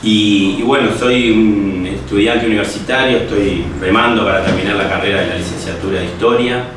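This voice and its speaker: A man's voice: fairly low pitch, steady tone, a little fast. A young man with a Uruguayan Spanish accent, a history student and teacher, speaking reflectively with many restarts and tag questions in a personal interview. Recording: echoey room, distant mic, faint noise.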